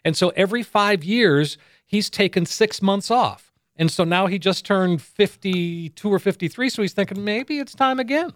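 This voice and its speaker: A man's voice: sits high, normal speed, no echo, clean studio sound. A man hosting a call-in radio show about retirement money, easygoing and agreeable, reading out the phone number.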